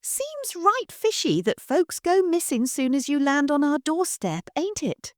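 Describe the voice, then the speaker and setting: A woman's voice: high-pitched, very animated, a little slow, no echo, studio quality, voice pushed up. A woman voicing a blunt, suspicious working-class housemaid who grumbles in broad dialect.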